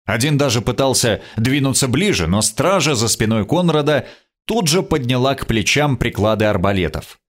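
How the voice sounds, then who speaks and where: A man reading a first-person adventure story aloud as an audiobook narrator, expressive in delivery. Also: medium pitch, moderate pace.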